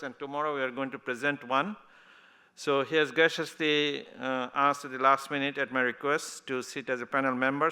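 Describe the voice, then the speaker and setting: A man's voice: a little high, sharp tone, smooth. A man moderating a conference panel, talking in a loose, rambling way and laughing easily.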